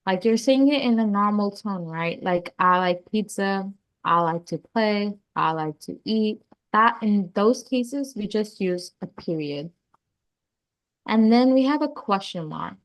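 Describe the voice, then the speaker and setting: A woman's voice: medium pitch, expressive, measured pace. A woman explaining grammar to young children in a casual, chatty way, often saying "like" and restarting sentences. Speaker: teacher.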